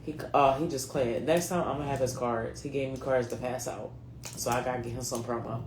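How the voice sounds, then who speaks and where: A late-thirties woman with a mixed US East Coast accent (New England, Philadelphia, North Carolina, Delaware) does a casual card reading for her viewers, chatting in a loose, slangy way and speaking right to them. Her very deep, slightly mellow voice moves fairly quickly with fairly even intonation. It echoes around the room, with slight background noise.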